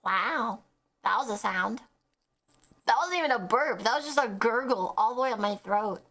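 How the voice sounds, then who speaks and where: A woman's voice: fairly high pitch, expressive, normal speed, fairly bright tone. A woman streamer chatting casually and teasingly with her viewers during a game. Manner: giggly, teasing chat with viewers. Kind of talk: casual gaming stream chat. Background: game music.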